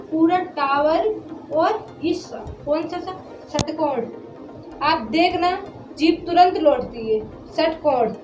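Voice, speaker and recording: A woman's voice: very high-pitched, reverberant, poor audio. A woman teaching Hindi pronunciation, sounding out syllables one by one and answering her own questions. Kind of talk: classroom lesson on pronunciation.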